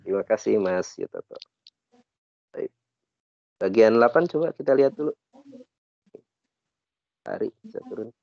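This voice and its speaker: A man's voice: lowish voice, lively intonation, moderate pace, creaky, pauses often, dry recording, muffled recording. A man with an Indonesian accent teaching an online Arabic class, patiently correcting and translating phrases.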